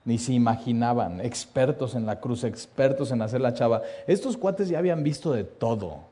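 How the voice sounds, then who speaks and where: Dramatic preacher, mellow voice. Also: male voice, medium pitch, expressive, moderate pace. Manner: dramatic storytelling that swings from hushed to loud, with repeated lists. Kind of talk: sermon.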